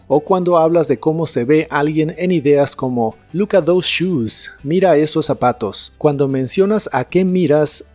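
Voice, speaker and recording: A man teaching English vocabulary in a scripted lesson, repeating each word slowly and carefully. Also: a little high, mellow, dry recording. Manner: slow, careful pronunciation drills.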